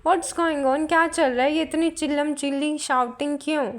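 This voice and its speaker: A woman voicing a quick-tempered older male landowner who scolds and blusters. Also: high voice, fairly even intonation, close to an everyday voice. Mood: blustering.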